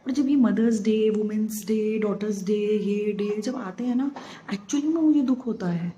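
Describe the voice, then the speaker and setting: Exasperated woman venting, mellow voice. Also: medium pitch, measured pace, lo-fi sound. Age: 30s. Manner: exasperated, emphatic, mixing English into Hindi. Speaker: vlogger, former flight attendant. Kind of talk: candid personal vlog monologue.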